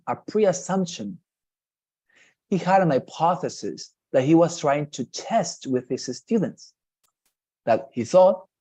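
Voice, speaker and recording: A man's voice: on the high side, mellow. A man with a Spanish accent teaching English test strategies in an online class, explaining patiently and repeating his key points.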